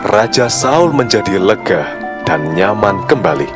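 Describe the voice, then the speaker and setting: A man's voice: on the low side, big pitch swings, unhurried. A man reading a scripted Bible story for children as a storyteller. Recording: loud background music under narration.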